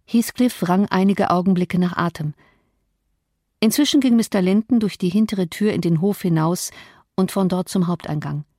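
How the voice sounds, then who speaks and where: A woman reading a novel aloud as audiobook narrator in a measured storytelling way. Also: fairly low pitch, a little mellow, no echo, studio quality.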